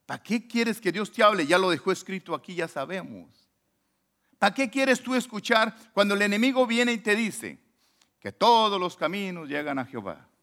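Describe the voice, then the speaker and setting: A man preaches a sermon in a fairly high voice with a very lively, swooping pitch. He rises to loud, emphatic lines and then drops to low murmured asides. He also acts out the quoted voices in his story. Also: moderate pace. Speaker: pastor.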